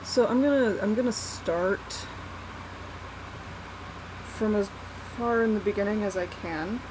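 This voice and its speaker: Young adult vlogger, slow, candid and self-deprecating delivery, recorded on a laptop with a loud fan running. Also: mid-range voice, noisy background. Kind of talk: casual unscripted confessional vlog, one take. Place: small warm bedroom at night. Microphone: laptop built-in mic. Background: whirring fan.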